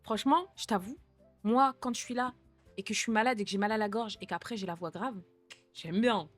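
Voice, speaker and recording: A young woman streamer, talking in a relaxed, slangy way. She answers viewer messages and mixes reassurance with jokes. Soft music plays faintly behind her voice. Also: medium pitch, a little fast. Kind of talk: casual chat reading out viewer messages.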